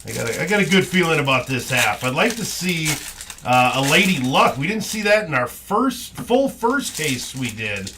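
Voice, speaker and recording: A man with a somewhat high voice hosts a live card-opening stream. He talks casually and in an upbeat, informal way to his viewers. Clear noise of crinkling and clicking packs runs through the recording. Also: big pitch swings, normal speed. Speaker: card break host.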